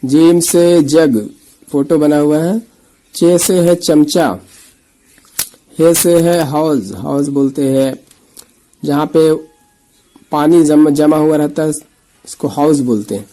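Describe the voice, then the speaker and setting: A man teaching the Urdu alphabet, patiently repeating letter names slowly and explaining each letter. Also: on the high side, fairly even intonation, dark tone, rough recording. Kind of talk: slow letter-by-letter reading lesson.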